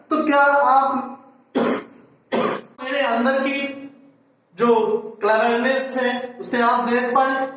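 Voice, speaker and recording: Indian male teacher giving a slow, repetitive classroom lesson; recorded in a very echoey room, far from the mic. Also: very high-pitched, a bit bright. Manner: mixes Hindi and English, repeats "ठीक है" often; slow, deliberate explaining with frequent rhetorical questions.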